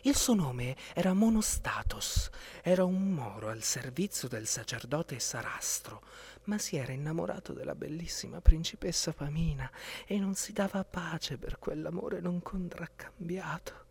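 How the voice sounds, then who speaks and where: A man reading a children's story aloud, expressive and sometimes dropping to a whisper for suspense. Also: on the high side, normal speed, husky.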